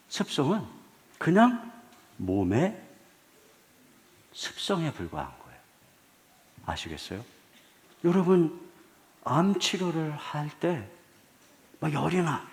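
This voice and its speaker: A middle-aged male pastor delivering a sermon, telling stories with loud bursts and hushed low lines. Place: large church sanctuary. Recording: long church hall reverb.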